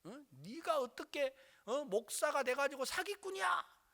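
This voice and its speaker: A male preacher acting out a furious older father who shouts accusations at a pastor. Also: very high voice, sing-song, unhurried, gravelly, voice pushed up, exaggerated voice.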